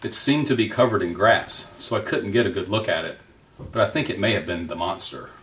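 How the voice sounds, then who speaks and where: A man voicing a fussy, nervous male owl who hoots in a raised, excited voice. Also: lowish voice, a little fast, far from the mic, lightly acted. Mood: urgent.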